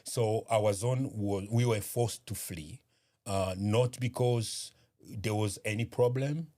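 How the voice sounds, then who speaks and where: A man from eastern Congo, speaking as a guest in an interview, measured and hesitant with many pauses and fillers. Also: lowish voice, warm tone. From Eastern Democratic Republic of Congo. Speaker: guest, community organization founder. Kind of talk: interview conversation.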